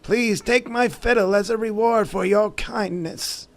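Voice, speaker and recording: Man doing a high-voiced humble woodcutter. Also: fairly even intonation, a little slow. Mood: grateful. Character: poor, humble, grateful male woodcutter. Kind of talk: comic game character voice.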